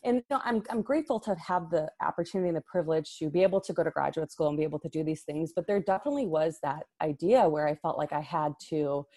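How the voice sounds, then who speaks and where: Lowish-voiced woman from chicago suburbs, podcast guest, lots of ums and likes. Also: fast, few pauses, warm tone. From Chicago suburbs, USA. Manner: thoughtful, laughs easily, many "um" and "like". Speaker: podcast guest, library director. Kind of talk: casual podcast interview.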